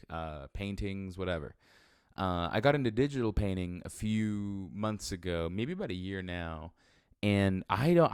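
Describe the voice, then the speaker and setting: A man's voice: deep voice, darkish tone, smooth, no echo, studio quality. A man talking casually and unscripted, in a blunt, self-deprecating way with frequent swearing, recorded in a sparsely furnished room. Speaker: first-time solo podcaster or vlogger. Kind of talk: unscripted casual rambling monologue.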